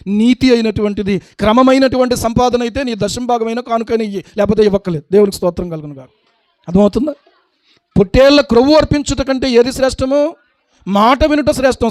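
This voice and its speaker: High-voiced male pastor preaching. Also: a little mellow, no echo. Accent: Telugu. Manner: rhetorical questions to the congregation, acts out little scenes. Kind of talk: sermon.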